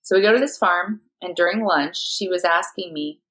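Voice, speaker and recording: A woman guest on a podcast, telling a personal story in a lively, anecdotal way and laughing often. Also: on the low side, normal speed, poor audio. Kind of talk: storytelling in conversation.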